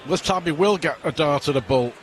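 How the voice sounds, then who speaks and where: Higher-voiced male darts commentator over loud noise. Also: a little fast. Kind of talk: live sports commentary. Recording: loud background arena noise. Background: noisy darts arena.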